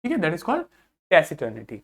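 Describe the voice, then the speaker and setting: A woman's voice: deep voice, huge pitch swings, slow, creaky. A woman teacher giving a vocabulary class to school children. She repeats each point patiently, spells suffixes out letter by letter and reads words.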